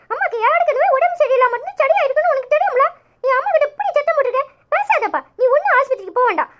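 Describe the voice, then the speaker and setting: Woman doing a shrill scolding daughter. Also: a bit bright, heavily acted. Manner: scolding, accusing, repeats questions. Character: upset young daughter, scolding and accusing. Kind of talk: cartoon voice acting.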